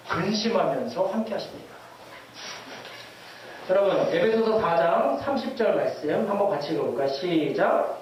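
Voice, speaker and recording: A man with a strikingly high voice preaches a lively sermon, often turning to his congregation with questions. His voice rings around a church sanctuary and is caught from far off, with faint hiss underneath. The sound is hollow and roomy. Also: muffled recording. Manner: lively, asks the congregation questions and leads readings. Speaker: pastor.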